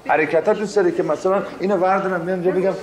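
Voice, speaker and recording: A man's voice: high-pitched, fairly even intonation, lightly acted. An actor playing a brash young male suitor who talks with bold, lecturing insistence. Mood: preachy. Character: cocky young male suitor, pushy and preachy. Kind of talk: comic screen acting. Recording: noisy background hiss.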